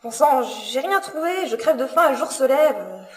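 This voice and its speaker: A woman's voice: sits high, animated, moderate pace. A woman playing a grumbling, sardonic, exclamatory druid in a fantasy audio drama. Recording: roomy, echoing sound.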